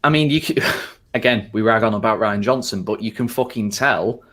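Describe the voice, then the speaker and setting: A man's voice: on the low side, moderate pace, a bit bright. A man hosting a casual podcast chat, rambling with constant fillers and frequent swearing. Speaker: podcast host.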